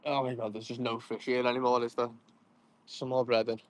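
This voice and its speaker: A man's voice: medium pitch, little pitch movement, brisk. Chatty Scouse young man fishing outdoors. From Liverpool, England. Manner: chatty, laughs often, reads out viewer comments. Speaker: fishing vlogger. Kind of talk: casual live-stream chat while fishing. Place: outdoors by cold water.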